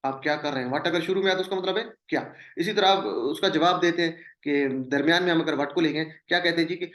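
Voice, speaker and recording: A man's voice: a little high, fairly bright tone, reverberant. A man teaching a language lesson. He speaks patiently, repeats each word and its meaning as a drill, and mixes in English terms. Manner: mixes English words into the explanation. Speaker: Quranic Arabic teacher. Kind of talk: classroom lesson.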